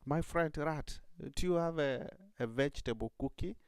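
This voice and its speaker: A man voicing a timid, hungry male rabbit in a fable he tells, speaking in a high, pleading voice. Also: moderate pace, clean tone, no echo, clean studio sound, natural voice.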